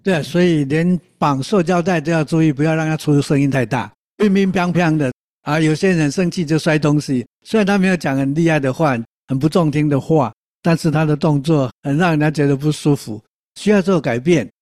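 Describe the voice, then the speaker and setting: Man guest, radio advice, emphatic, persuasive, fairly high voice, dry sound. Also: brisk, darkish tone, no room sound.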